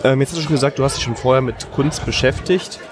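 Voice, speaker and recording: A man's voice: mid-range voice, quick pace. A man hosting a podcast interview, asking loose questions full of fillers. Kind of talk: casual interview. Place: busy hacker congress hall. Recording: crowd noise of a busy venue. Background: crowd chatter.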